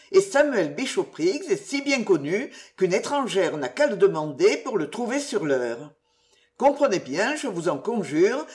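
A reader voicing a crafty, pompous old Scottish inn waiter who preaches with mock virtue. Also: mid-range voice.

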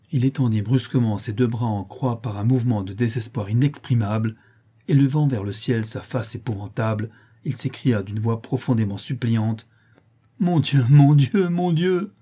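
A man narrating a classic novel aloud in a measured, dramatic reading. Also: fairly low pitch, fairly even intonation, dark tone, breathy edge. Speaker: audiobook reader.

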